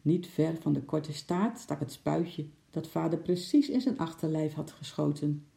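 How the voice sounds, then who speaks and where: Gravelly, dark-voiced storybook narrator. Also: male voice, on the high side, unhurried. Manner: steady, even storytelling. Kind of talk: children's storybook reading. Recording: roomy echo.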